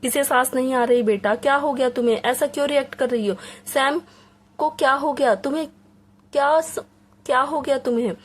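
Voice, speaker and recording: A woman's voice: high-pitched, moderate pace, voice pushed up. A woman narrator voicing a caring man who is anxious and comforting in an audiobook romance. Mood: alarmed.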